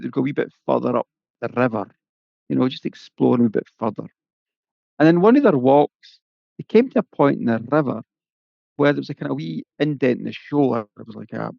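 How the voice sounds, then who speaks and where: A man's voice: medium pitch, gravelly, no room sound, dull audio. A man with an Irish accent telling a folk tale aloud in a chatty, folksy way, with asides to the listener. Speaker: storyteller. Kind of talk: oral storytelling.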